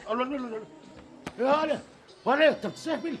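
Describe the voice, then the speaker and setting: A gravelly old Egyptian father. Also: mid-range voice, expressive, fairly bright tone. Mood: angry. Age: older. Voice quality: gravelly, bossy, quick-tempered. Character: stubborn old Egyptian father set on remarrying. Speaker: father of a grown son. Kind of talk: TV drama acting. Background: background score music.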